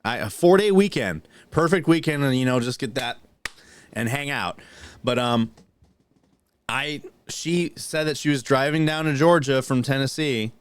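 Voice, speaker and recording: A man's voice: mid-range voice, unhurried, smooth. A man co-hosting a podcast who tells a long story in casual chat and then reads news items. He talks in a rambling, profane way, with many restarts and fillers. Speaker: podcast co-host.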